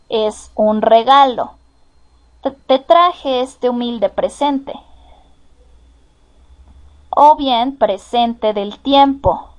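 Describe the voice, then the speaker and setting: A woman with a Mexican accent giving a slow, careful lesson, patiently repeating each example sentence. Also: on the high side, darkish tone. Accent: Mexican Spanish. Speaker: teacher. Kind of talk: slow, careful classroom explanation.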